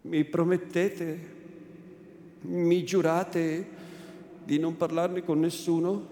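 A timid old village priest, fearful and whiny, his pleas climbing high, as a male reader acts him out. He talks slowly and anxiously, begging for mercy. The sound carries the echo of a large room. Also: little pitch movement, warm tone. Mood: fearful pleading. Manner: pleading, fearful, rising high. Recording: echoey room, faint ambience.

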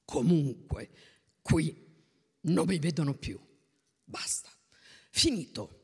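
A reader voicing a blunt, loud older woman who rants indignantly, in a storybook reading. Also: mid-range voice, lively intonation, slow, husky, pitched below the performer's own voice, heavily acted. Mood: huffy. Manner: indignant ranting, shouting. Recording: long reverb.

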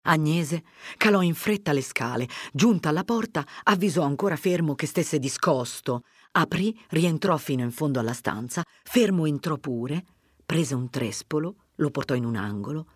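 Measured literary narrator, dry sound. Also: mid-range voice, husky, no echo. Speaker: audiobook narrator.

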